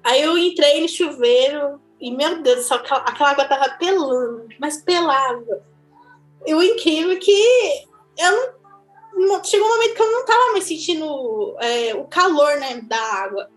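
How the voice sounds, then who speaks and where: A woman with a Brazilian Portuguese accent, chatting casually as she tells her own birth story, animated and quick to laugh. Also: sits high. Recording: echoey room with faint music.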